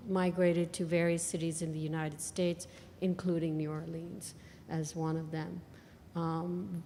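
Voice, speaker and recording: Slow, low-voiced artist woman from Bangladesh. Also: dark tone, long reverb tail, a little hiss or hum. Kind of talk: live on-stage interview.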